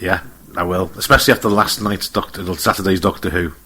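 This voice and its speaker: A man's voice: deep voice, fairly even intonation, fairly quick, sharp tone, slight background noise. A man, a regular on a radio chat show, who throws in dry quips.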